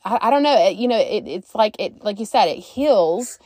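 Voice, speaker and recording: Woman podcast host, casual and animated, slight cough, dry close sound. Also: mid-range voice, normal speed, no room sound. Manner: chatty, animated, acts out quotes. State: recovering from a cough.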